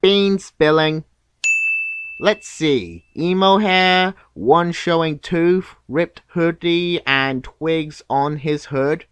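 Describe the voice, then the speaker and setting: A man giving scripted, nitpicking video commentary in a deadpan, sarcastic manner. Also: on the high side, extremely slow. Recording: clear background noise.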